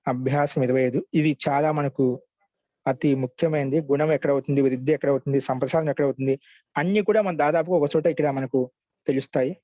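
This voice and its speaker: A male teacher giving a grammar class, patiently repeating word forms slowly so students can write them down. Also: on the high side, fairly even intonation, mellow, dry recording.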